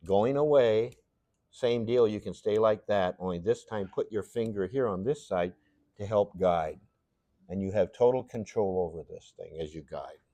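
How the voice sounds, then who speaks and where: A man's voice: fairly low pitch, darkish tone, no echo. A man teaching glass cutting in a studio workshop, talking in a folksy, rambling way as he thinks aloud through a hands-on demonstration.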